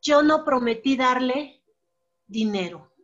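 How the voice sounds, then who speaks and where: A woman student with a Mexican accent reading a short sentence aloud slowly, stressing single words. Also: high voice, lively intonation, a bit bright, dull audio.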